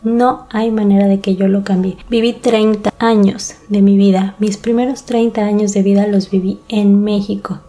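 Mexico City woman, mellow voice. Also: medium pitch, flat delivery, normal speed, hardly any pauses. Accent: Mexico City Spanish. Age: 30s. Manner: candid, conversational, talks to listener directly. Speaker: podcast host. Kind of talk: casual monologue podcast.

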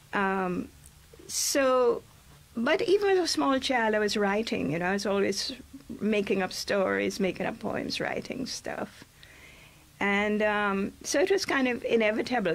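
An older woman from Jamaica speaks with a Jamaican accent as a guest in a studio radio interview. She talks in a reflective, chatty way and laughs easily, at an everyday pitch, into a boom-arm microphone. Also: gravelly. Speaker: guest poet. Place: small radio studio, indoors.

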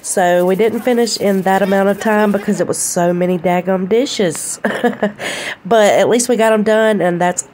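A woman's voice: mid-range voice, normal speed, a little mellow, a little hiss or hum. A woman, chatting casually in a voice-over about her cleaning day. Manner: chatty, down-to-earth, laughs at herself. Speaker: cleaning vlogger.

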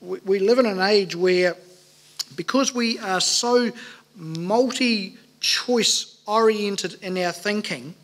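Sex: man. Role: pastor at a pulpit microphone. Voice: high. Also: slow, fairly bright tone. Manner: earnest, emphatic, with rhetorical questions. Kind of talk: sermon.

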